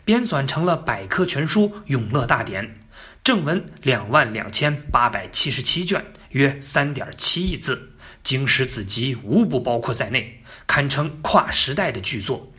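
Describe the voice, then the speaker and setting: A man's voice: medium pitch, big pitch swings, unhurried, bright, forceful tone. A man telling history as a casual story, colloquial and joking, with asides to the listener. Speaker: narrator.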